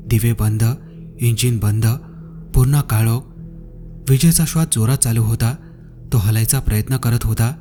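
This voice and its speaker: Guy reading a scary story, slow dramatic pauses, warm low tone, faint music underneath. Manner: short dramatic phrases with pauses. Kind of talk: scripted horror narration.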